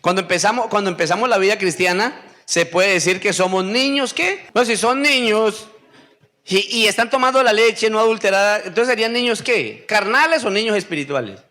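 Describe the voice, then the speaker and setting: A man preaches a sermon in a fairly high voice. He keeps throwing questions to the congregation and drags out the answers himself. Now and then he mimics whiny voices in a sharp squeak. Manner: call-and-response questioning, drawn-out answers. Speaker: pastor.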